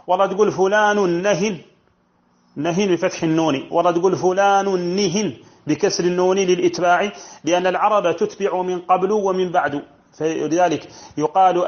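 A sheikh teaching classical grammar at a quick clip, his voice sitting a little high for a man. He works through the rules step by step and repeats key phrases. The lesson recording is dull and lo-fi. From Mauritania. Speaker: teacher of Arabic morphology. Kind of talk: classical grammar lesson explaining a verse text.

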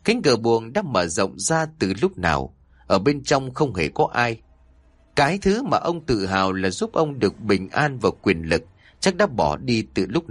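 Husky man narrating a horror tale. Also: medium pitch, no room sound. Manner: dramatic, expressive storytelling.

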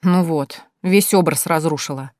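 A woman's voice: deep voice, normal speed, a little mellow, dry recording, studio quality, close to an everyday voice. A woman voicing a teasing, joking young man in an audiobook.

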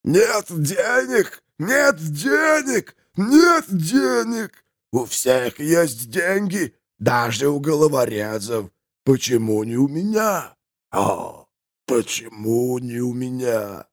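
A man's voice: fairly high pitch, very animated, dry recording, clean studio sound. A man voicing a greedy, moaning walking corpse in an audiobook story. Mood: whining despair. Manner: screeching, moaning, drawn-out.

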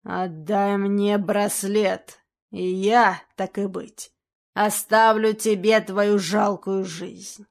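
A woman's voice: mid-range voice, little pitch movement. Woman doing a growling bearded robber. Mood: gloating. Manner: growling, slow and threatening.

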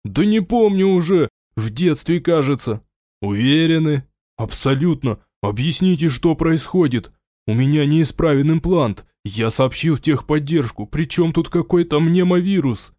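An audiobook narrator voicing a frightened architect who refuses to listen and shouts back in panic. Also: male voice, on the high side, lively intonation, normal speed, dry recording, studio quality, pitched above the performer's own voice, natural voice. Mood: defensive. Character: frightened middle-aged male architect losing control.

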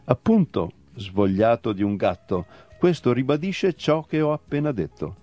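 A man's voice: medium pitch, sing-song, a little slow, dark tone, muffled recording, soft background music. A man voicing a bossy, irritable male blackbird who acts as a stern master, speaking in an impatient, scolding way.

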